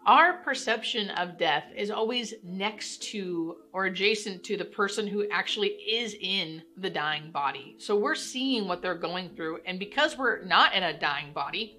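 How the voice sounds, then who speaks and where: A woman's voice: medium pitch, pushed and bright. A woman speaking as a nurse educator in an explanatory talk, plain-spoken and reassuring, stressing her key words. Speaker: hospice nurse and educational presenter.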